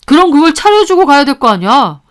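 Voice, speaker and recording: Sneering bossy husband, voiced by a woman, high-pitched, audio story. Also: very animated, fairly quick. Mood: scornful. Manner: sneering, scolding. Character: scornful bossy husband, man in his 30s.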